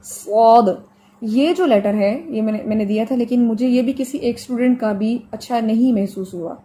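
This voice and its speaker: Her voice a little high with a dark tone, a woman explains the pronunciation of Quranic letters in an online tajweed class. She is patient, uses everyday examples, and slowly draws out sounds for students to copy.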